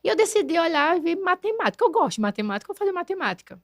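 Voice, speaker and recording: A woman, a guest telling her story in a lively, animated way and acting out quoted voices. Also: very high-pitched, racing, no echo, clean studio sound. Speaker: guest, math teacher and neuroscience educator. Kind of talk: conversational podcast interview.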